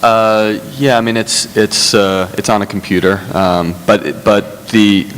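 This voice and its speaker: A man speaking as a screenwriter on a festival panel, halting and self-deprecating, with many restarts. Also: lowish voice, fairly even intonation, a bit bright, clear, resonant tone. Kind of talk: panel discussion. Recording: hall reverb, faint hum.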